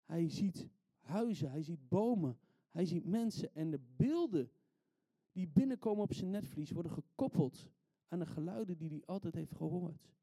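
Preacher guy telling a bible story, gets intense, high voice, repeats words. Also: expressive, normal speed, warm tone, no room sound. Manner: vivid, building intensity, repeats words when restarting. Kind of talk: storytelling sermon to an audience.

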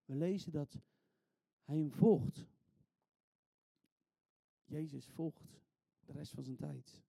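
A man's voice: on the high side, takes it slowly, gravelly, dark tone, no echo. A man preaching in a storytelling sermon, vivid and building in intensity, repeating words as he restarts.

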